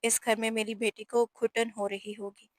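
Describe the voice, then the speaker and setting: A woman voicing a wealthy older father who gives gentle orders in a storybook reading. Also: on the high side, little pitch movement, moderate pace, no echo, studio quality, natural voice. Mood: commanding.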